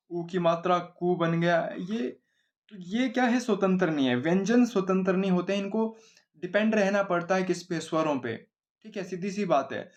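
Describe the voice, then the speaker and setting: A male grammar teacher giving an exam-oriented lesson at a board, explaining simply and often asking and answering his own questions. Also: high voice. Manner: explains simply, repeats questions and answers them himself, asks 'है ना?' often.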